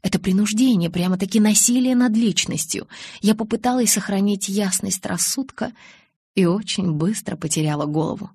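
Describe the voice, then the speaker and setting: A woman's voice: mid-range voice, moderate pace, a little mellow, slightly rough, no room sound. A woman narrating a first-person romance audiobook in an intimate storytelling manner. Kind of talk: scripted narration.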